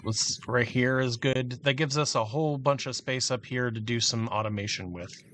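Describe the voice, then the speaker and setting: A man giving casual, halting commentary while he plans a build in a game, thinking aloud with many restarts. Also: medium pitch, a bit bright, a little hiss or hum. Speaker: gameplay commentator.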